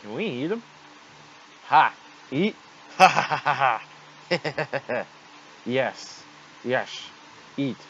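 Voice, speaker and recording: Man playing a hungry swamp monster, slow theatrical menace, gloating game villain, muffled recording, faint noise. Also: medium pitch, sing-song, fairly bright tone, full character voice. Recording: dull noisy home microphone.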